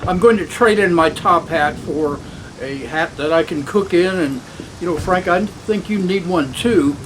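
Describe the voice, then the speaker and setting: A man playing a hammy high-voiced horror host. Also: noisy background. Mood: playful showman. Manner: showman patter, slow and playful. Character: hammy theatrical male horror host doctor. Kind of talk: campy late-night horror hosting.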